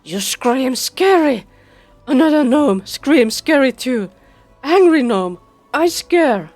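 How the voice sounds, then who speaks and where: A woman voicing a small, timid kobold creature in a video game who speaks in halting, broken phrases. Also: high voice, expressive, a little mellow, no echo, faint music behind, voice pushed up, exaggerated voice. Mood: eager.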